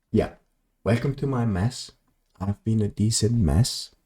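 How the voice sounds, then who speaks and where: A young man with a very deep, very low, mellow voice chats casually to his audience while gaming on a live stream. He rambles and stumbles through ums and restarts, making self-deprecating jokes about his own mess.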